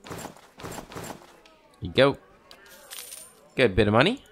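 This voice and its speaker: A man hosting a let's play, giving relaxed gameplay commentary while musing to himself. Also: mid-range voice, slow pace.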